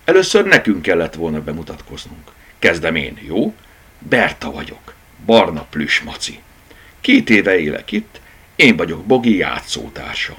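A man voicing a kind, gentle teddy bear who soothes and makes peace, in a children's storybook reading. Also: deep voice, wildly swooping pitch, slightly rough, heavily acted. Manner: soft, friendly, soothing.

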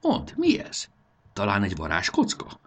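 A man voicing a tiny, curious female fairy in a high, wondering voice with a husky edge. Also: huge pitch swings, highs cut off, heavily acted.

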